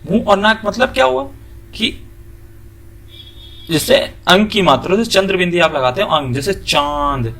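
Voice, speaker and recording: A man's voice: high voice, sing-song, vocal fry, a bit bright, soft background music. Man teaching, asking and answering himself. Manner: asks questions and answers them himself; draws out example sounds slowly. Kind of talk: classroom lesson.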